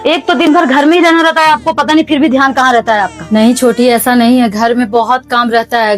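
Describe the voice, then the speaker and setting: A woman's voice: on the high side, lightly acted. A woman playing young daughters-in-law in a family drama, arguing emphatically. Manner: argumentative, emphatic. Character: young Indian daughters-in-law, quarrelsome and dutiful.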